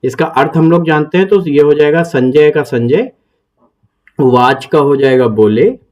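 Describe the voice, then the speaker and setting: A man's voice: a little high, lively intonation, unhurried, darkish tone. A man, hosting his channel and patiently explaining and reciting a Sanskrit verse step by step. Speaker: Gita teacher, channel host.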